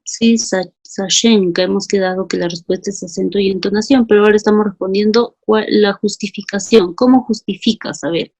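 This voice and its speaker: A woman's voice: mid-range voice, fairly even intonation, fairly quick, few pauses, a little mellow. A woman teacher leading a class, calling on students by name and reading out their answers. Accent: Peruvian Spanish. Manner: calls students by name, asks for justifications.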